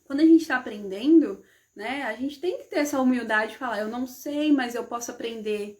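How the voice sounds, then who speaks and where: Woman, slightly high voice, live stream host, casual storytelling, chatty, checks in with listeners, acts out dialogue. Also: fairly quick, a little mellow. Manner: chatty, often adds "né?" and addresses the audience as "gente"; acts out the dialogue in her stories.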